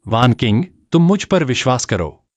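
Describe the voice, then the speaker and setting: A young man playing a calm, reassuring hero in a dubbed drama. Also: medium pitch, normal speed, dry recording, lightly acted.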